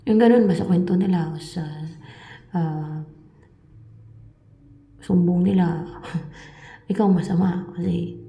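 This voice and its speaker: A woman's voice: lowish voice, gravelly, dark tone, reverberant. A woman giving a meandering spiritual talk to her viewers, repeating herself and sometimes dropping into a whisper. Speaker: spiritual reader.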